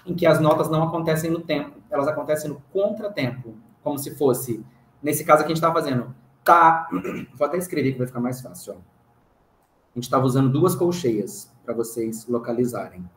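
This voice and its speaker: A man with a Brazilian Portuguese accent teaching an online music theory class, patiently explaining and counting rhythm syllables aloud. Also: fairly high pitch. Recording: roomy echo, faint hiss.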